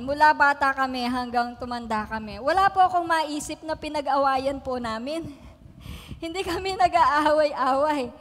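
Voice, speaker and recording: Chatty high-voiced woman pastor, echoing hall. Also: fairly bright tone. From Philippines. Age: middle-aged. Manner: chatty, laughs often, asks "no?" to the congregation. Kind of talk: sermon with personal stories. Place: church hall. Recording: long reverb of a church hall.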